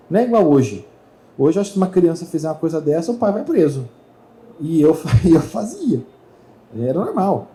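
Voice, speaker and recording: A middle-aged man speaks from a trade-fair stage, and his pitch swings up and down as he acts out the voices of others. His voice is very dark and mellow despite its slightly high pitch. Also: poor audio. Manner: animated storyteller who acts out voices in dialogue. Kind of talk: storytelling talk to an audience.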